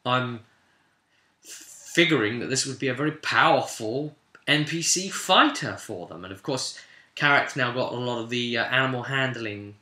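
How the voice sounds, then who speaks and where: A man with a mid-range voice recaps a fantasy tabletop game he ran as game master, telling it animatedly and informally while acting out characters' dialogue and addressing the audience directly. He hosts the recap series, and the audio is roomy with noticeable echo.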